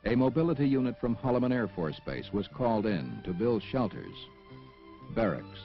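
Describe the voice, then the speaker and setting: Music plays under a slightly dull film soundtrack. A man narrates a scripted documentary formally, in a low voice with plenty of creak. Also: sing-song, normal speed.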